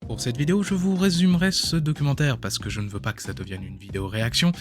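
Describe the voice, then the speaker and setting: A man's voice: mid-range voice, fast, soft background music. A man doing comedic commentary on a video, sarcastic, with joking asides. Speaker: YouTuber.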